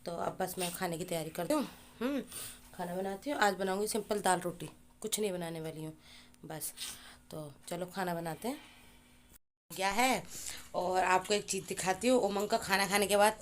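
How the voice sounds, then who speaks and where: A woman vlogger narrating her day in a casual, chatty way, often filling pauses with short hums. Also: on the low side, slight background noise. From India. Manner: chatty, repeats "हैं" and "hmm" as fillers. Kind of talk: casual family vlog narration.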